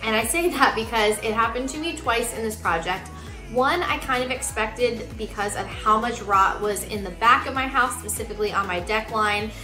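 Female home vlogger, 30s, conversational explainer with a bright tone, roomy indoor sound and light music underneath. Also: a little high, moderate pace. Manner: chatty, explanatory. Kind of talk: casual explanatory vlog to camera. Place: living room indoors. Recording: roomy living-room echo, music underneath.

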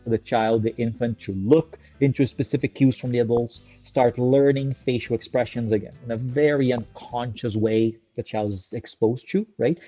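A Brazilian man in his thirties, a native Portuguese speaker, gives a casual talk on infant care to a webcam in a small room with a screen on the wall. His medium-pitched voice is mellow and warm, and the dry, slightly dull recording has no echo, with faint music underneath. He speaks energetically, checks in with "right?", and stretches out each new list heading.

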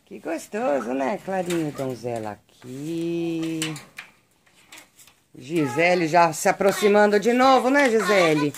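A Brazilian woman with a Brazilian Portuguese accent vlogs while walking her backyard, chatting to her chickens and parrots in a sing-song baby-talk voice. Her pitch swings a lot and she talks slowly. The outdoor camera audio picks up plenty of background noise. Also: big pitch swings, gravelly. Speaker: animal channel vlogger. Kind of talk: casual vlog talking to pets.

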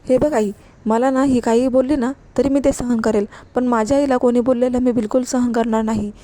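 Angry young husband snapping questions, a woman reads him out, highish mellow voice. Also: steady tone, brisk, close to an everyday voice. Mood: reproachful. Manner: short, reproachful questions. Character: angry young husband, stressed and sharp-tongued.

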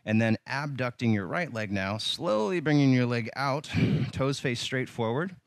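A man leading a yoga workout, giving calm, encouraging cues with light humor and sometimes slightly out of breath. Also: mid-range voice, moderate pace, no room sound. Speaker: yoga instructor. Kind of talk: guided yoga class instruction.

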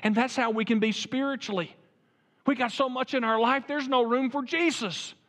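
A man's voice: very high voice, normal speed, fairly bright tone. A man preaching a sermon as pastor, emphatic and building to fervent appeals. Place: church sanctuary. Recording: reverberant church sanctuary.

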